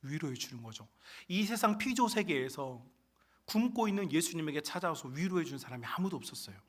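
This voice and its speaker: An emphatic male pastor preaching a sermon in a church sanctuary, his voice set fairly high for a man. He speaks straight to the congregation again and again. He drops to near-hushed phrases and then rises to strong, loud ones. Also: lively intonation, brisk. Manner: emphatic, often addresses the congregation, sharp swings between soft and loud.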